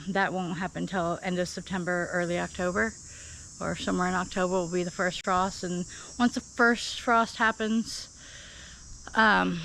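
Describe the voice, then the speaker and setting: A woman's voice: fairly low pitch, fairly bright tone, a little hiss or hum, low-quality recording. A woman from South Dakota giving a candid, rambling update on her vegetable garden outdoors. She is out of breath and uses many fillers. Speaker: gardening vlogger. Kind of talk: casual garden update chat.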